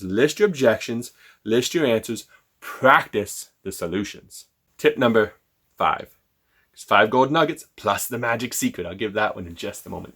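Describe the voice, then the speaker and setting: A man's voice: mid-range voice, a bit bright, slightly rough. A man giving a sales lesson, firing off rhetorical questions and acting out phone calls. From Canada. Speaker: sales trainer. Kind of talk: direct-to-camera sales lesson.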